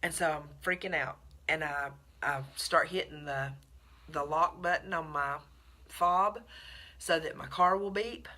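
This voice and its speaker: A middle-aged woman, telling a story in a chatty, animated vlog to her viewers. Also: deep voice, unhurried. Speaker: vlogger. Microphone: phone camera.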